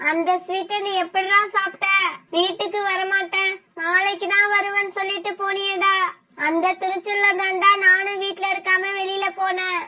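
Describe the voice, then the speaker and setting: A woman voicing a scheming older mother-in-law bird in a cartoon, wailing and scolding in a lower voice than her bride character. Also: bright, forceful tone, exaggerated voice. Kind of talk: cartoon voice acting.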